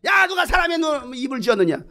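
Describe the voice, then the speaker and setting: A preacher doing God, booming and exasperated. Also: male voice, very animated, fast, full character voice. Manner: booming, shouting rebukes. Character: exasperated God scolding a reluctant Moses.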